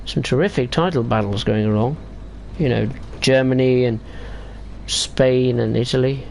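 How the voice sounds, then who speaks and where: Gravelly and slightly mellow, a man's medium-pitched voice goes along at a normal pace as he streams a train simulator and rambles about football tables mid-drive. A faint hiss or hum sits in the recording.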